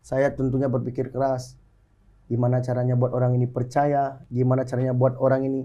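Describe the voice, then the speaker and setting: A man's voice: medium pitch, completely flat delivery, a little fast, mellow. A man in his twenties from Bali, a soldier and martial arts athlete, answering interview questions earnestly and often addressing the host politely. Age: 20s. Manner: earnest, often adds "Kak" to phrases. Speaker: soldier and pencak silat athlete.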